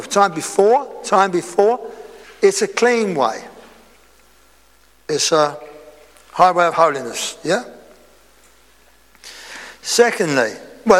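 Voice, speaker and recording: A male preacher with a notably high voice delivers a sermon in a relaxed, talkative manner, breaking off for asides and light jokes. His voice rings out with a long echo, recorded in a church hall before a congregation. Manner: conversational preaching with chatty asides and humor. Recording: reverberant hall.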